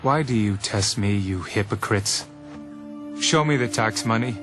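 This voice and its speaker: An actor playing Jesus in a scripture audio drama, a teacher speaking parables with solemn, measured authority. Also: male voice, lowish voice, a bit bright. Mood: stern. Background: music.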